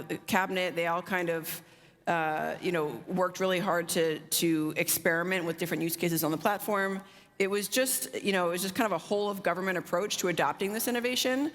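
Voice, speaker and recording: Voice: mid-range voice, a bit bright. A panelist with a mid-range voice talks fluently and upbeat, dropping casual fillers throughout. The voice carries a long reverb from a large conference hall. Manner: fluent, upbeat, many "you know" fillers. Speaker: drone logistics company founder, panelist.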